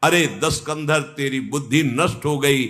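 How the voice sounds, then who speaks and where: A man's voice: fairly high pitch, measured pace, a bit bright. A male preacher voicing a bold, loyal monkey warrior envoy who rebukes fervently. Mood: stern rebuke.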